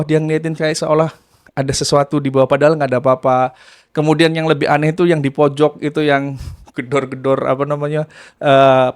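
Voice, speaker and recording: A man from Indramayu casually telling a true story, acting out voices and laughing as he goes. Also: medium pitch. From Indramayu, West Java. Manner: lively, acts out quoted voices, laughs while telling.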